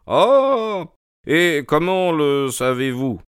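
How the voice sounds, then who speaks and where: A man voicing a keen, precise male detective in an audiobook, raising his voice into quick, probing questions. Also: mid-range voice, smooth, no echo, clean studio sound, pitched above the performer's own voice. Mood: inquisitive. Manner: quick, questioning, excited interjections. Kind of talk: audiobook character reading.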